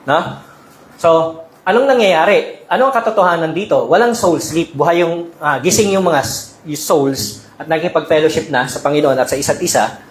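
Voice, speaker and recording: A man's voice: fairly high pitch, moderate pace. A male pastor preaching a sermon in a conversational way, often checking in with the congregation and mixing in English. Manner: mixes Tagalog and English. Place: church sanctuary. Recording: echoey church hall with faint ambience.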